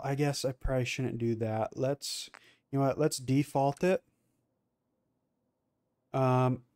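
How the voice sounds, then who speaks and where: A man's voice: medium pitch, a little mellow. A man giving casual, rambling commentary on his gameplay, full of fillers and restarts. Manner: rambling, filler-heavy, self-correcting. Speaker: let's play gamer.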